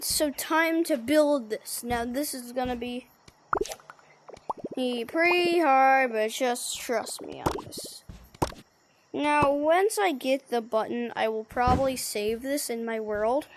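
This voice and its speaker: Give me a high-pitched chatty woman rambling over game audio. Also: measured pace, noisy background. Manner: rambling, chatty, self-correcting. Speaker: gaming video creator. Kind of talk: casual gameplay commentary.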